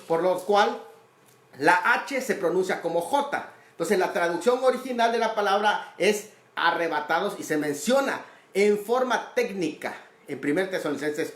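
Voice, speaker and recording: A man's voice: high voice, fairly bright tone. A man teaching a Bible study lecture on theology, explaining terms methodically, step by step, and stressing key points. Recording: roomy echo.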